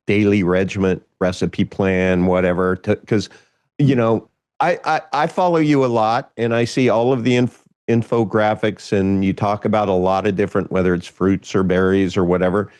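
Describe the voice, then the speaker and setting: A podcast host from Kansas, United States, rambles through a casual conversation, restarting sentences and chuckling often. His voice is lowish, darkish and smooth, at normal speed, in a dry recording.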